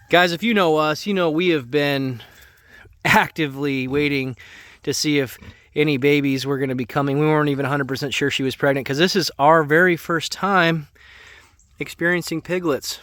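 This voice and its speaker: A man's voice: a little high, normal speed, a bit bright, no room sound. A middle-aged man casually narrating a walk-around homestead vlog outdoors, talking in a folksy way to viewers and animals. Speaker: homesteader vlogger. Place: outdoors on a muddy farm and under an animal shelter.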